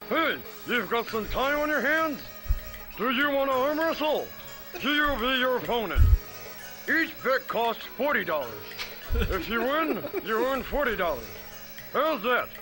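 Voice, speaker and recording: A man's voice: extremely high pitch, very animated, a little slow, pushed and bright, exaggerated voice. A man playing an eager arm-wrestling hustler in a video game, with stilted, amateurish bad acting. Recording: music behind game dialogue.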